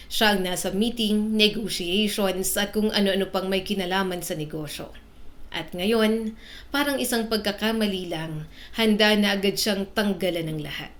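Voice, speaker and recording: Woman reading a drama story, steady and even, mid pitch. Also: moderate pace. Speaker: narrator. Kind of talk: scripted story narration.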